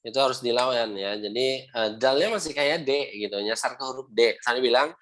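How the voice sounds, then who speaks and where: A young adult man teaches Quran recitation in a patient, steady way. His voice sits at a middle pitch, and he drags out sounds slowly to demonstrate them, often tagging phrases with "ya". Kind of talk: online class instruction with recitation examples.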